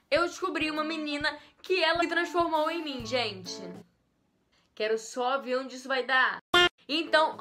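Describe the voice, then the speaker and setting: Woman, Brazilian Portuguese accent, vlog host, playful, self-mocking, bright tone, light music behind. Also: sits high. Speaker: youtuber host. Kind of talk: reaction vlog chat.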